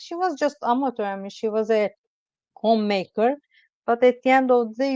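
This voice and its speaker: A middle-aged Turkish woman with a Turkish accent appears as a guest astrologer in a casual interview over a video call, rambling hesitantly and saying "I mean, like." a lot. Her voice is a little high and darkish, with no echo but a dull, lo-fi sound.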